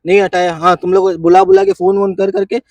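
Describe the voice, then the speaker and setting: A male street vendor pours out an emphatic, aggrieved complaint to a reporter outdoors. His voice is gravelly, and he stands a little back from the mic. The sound is dry with no room echo. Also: high-pitched, sing-song, fast talker, a little mellow, recorded from a distance. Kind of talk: street interview.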